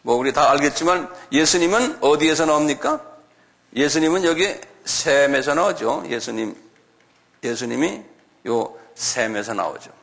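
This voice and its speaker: A middle-aged man teaching a slow, step-by-step classroom Bible lecture, often asking the class to repeat words aloud. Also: on the high side, animated, vocal fry, fairly bright tone. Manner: chuckles, talks directly to students.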